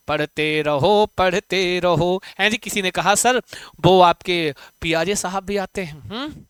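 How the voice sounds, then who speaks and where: High, bright-voiced male Sanskrit teacher. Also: smooth, dry recording. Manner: coaxing, asks students questions; chants Sanskrit verse slowly. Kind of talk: online exam-prep lesson.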